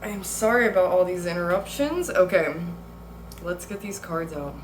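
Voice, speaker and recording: A woman giving a casual tarot reading, chatty and relaxed, laughing often between fillers. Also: lowish voice, moderate pace, roomy sound, a little hiss or hum. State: has the hiccups. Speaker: tarot reader.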